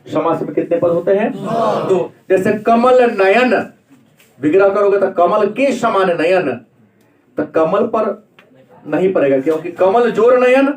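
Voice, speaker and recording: A man's voice: high-pitched, animated, measured pace. A man teaching Hindi grammar in a classroom lecture, asking the class questions and then answering them himself. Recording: echoey room, mic far off.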